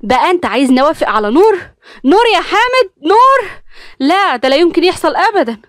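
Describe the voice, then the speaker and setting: A woman's voice: a little high, fast talker, no echo, studio quality, close to an everyday voice. A woman with an Egyptian accent voicing an angry, scheming middle-aged mother in an audio story. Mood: furious. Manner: angry, scolding.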